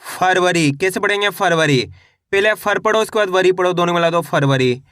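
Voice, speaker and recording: A man's voice: high voice, normal speed, a bit bright, no room sound, studio quality. A man teaching a reading lesson, sounding out words syllable by syllable and encouraging his viewers. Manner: encouraging, addresses viewers as friends.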